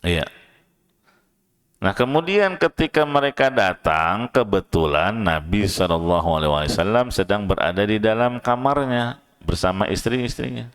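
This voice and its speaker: A man with an Indonesian accent gives a Quran lesson in a mosque, his voice low and clean. He talks in a relaxed, conversational way and keeps checking in with the congregation. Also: smooth. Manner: explains in plain everyday talk, often checks in with the audience; chants verses slowly, then raises his voice to act out the shouting. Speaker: Quran teacher. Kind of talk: mosque study lecture.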